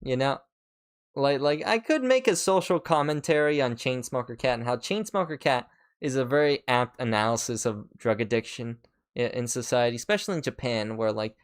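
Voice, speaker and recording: Excitable rambling male streamer. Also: mid-range voice, normal speed, clean tone. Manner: excitable, swears, rambling restarts. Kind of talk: casual reaction stream chat.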